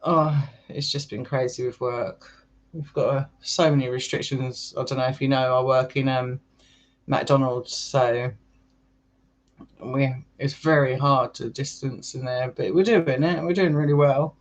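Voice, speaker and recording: A man's voice: mid-range voice, fairly even intonation, measured pace, rough recording. A young English man with an English accent, a vlogger chatting casually with viewers in a rambling way and laughing often. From England. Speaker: urban exploring vlogger. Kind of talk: casual live chat with viewers.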